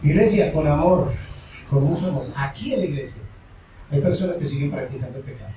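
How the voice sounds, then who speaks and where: A man's voice: on the high side, expressive, brisk, mellow, slight background noise. A male pastor preaching a call-and-response sermon, asking the congregation questions and answering them himself. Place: church sanctuary. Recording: echoey church hall from far off.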